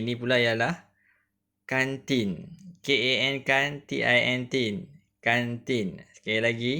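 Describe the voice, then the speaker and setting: A young man with a Malaysian Malay accent teaches an online spelling lesson, sounding out each syllable with patient care. His pitch sits at an ordinary middle height, and his delivery is slow and unhurried. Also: sharp tone. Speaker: primary school teacher.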